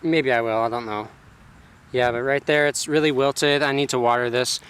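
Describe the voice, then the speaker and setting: A very noisy recording catches a man rambling in a casual vlog he films himself with a handheld camera out in his home garden, using lots of fillers. His voice is mid-range, with fairly even intonation and normal speed.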